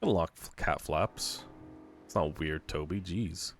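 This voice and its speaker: A man's voice: sits low, slow, a little hiss or hum. A man giving casual let's play commentary in a wry, grumbling manner, sometimes swearing. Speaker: gaming video host.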